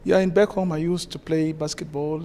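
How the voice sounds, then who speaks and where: A man with a South Sudanese accent answers interview questions in a halting way, pausing often. His voice sits fairly high and stays flat, with a gravelly, mellow edge. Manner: halting, many hesitations. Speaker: guest, community association president.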